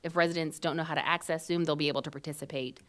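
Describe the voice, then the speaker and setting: Woman city manager with a low voice, reading a plain report to council in chambers, matter-of-fact with some ums. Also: fairly even intonation, rapid-fire.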